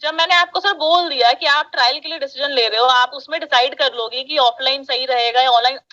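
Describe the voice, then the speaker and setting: A woman's voice: high-pitched, brisk, pushed and bright, dull audio. A woman working as an education sales counselor, pressing a parent on the phone and talking over his objections. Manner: pushy, persuasive, talks over the caller. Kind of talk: sales call.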